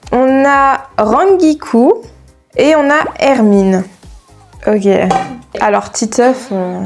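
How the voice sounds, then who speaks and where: A young woman with a French accent, chatting casually to her viewers in an animated, giggly way. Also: a little high. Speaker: YouTuber. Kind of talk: casual chat to camera.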